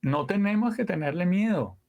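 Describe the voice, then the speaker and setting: A man, a guest audio engineer telling stories in a casual interview, animated and full of sound words and trailing asides. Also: sits high, moderate pace, vocal fry, dull audio.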